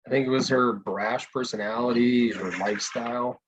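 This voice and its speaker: A man co-hosting a casual podcast chat over a video call, animated and laughing often. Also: mid-range voice, normal speed, background noise. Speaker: podcast co-host.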